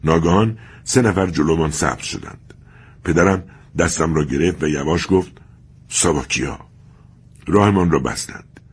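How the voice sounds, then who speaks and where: A man reading a story aloud in steady, measured narration. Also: sits low, breathy edge.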